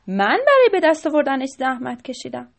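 A woman's voice: sits high, big pitch swings, creaky, exaggerated voice. Jan Morad, read by a woman, a defiant young hero. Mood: determined. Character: stubborn brave young male hero.

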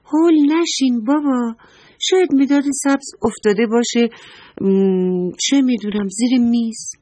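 A woman's voice: fairly high pitch, mellow, no room sound, voice pushed up, natural voice. A woman voicing a clever blue pencil in a children's story, drawing out her words as she thinks aloud. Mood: reassuring.

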